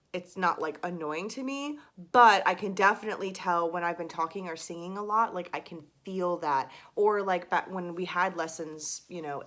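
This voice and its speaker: A young adult woman who teaches voice gives warm-up tips in a casual video lesson, talking loosely and using plenty of fillers. When she demonstrates exercises, a slight gravel appears in her lower register.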